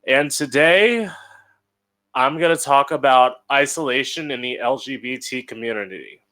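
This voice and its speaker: Slow, campy drag queen host. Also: medium pitch, pushed and bright. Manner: blunt, opinionated, swears freely. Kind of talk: opinion monologue.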